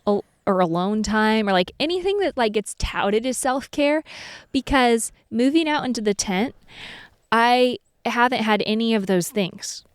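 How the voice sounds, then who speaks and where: Chatty young woman with a smooth voice. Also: a little high, expressive, measured pace, no room sound, clean studio sound. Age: 20s. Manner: earnest, candid, chatty. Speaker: podcast co-host. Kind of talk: casual chat.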